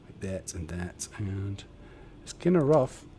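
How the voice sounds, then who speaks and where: A man's voice: sits low, sing-song, slow, mellow, slight background noise. A man streaming a building game, chatting and muttering casually as he works, on a desk microphone at home. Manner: chatty, muttering while building, self-deprecating. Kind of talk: casual live-stream tutorial commentary. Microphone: desk condenser microphone.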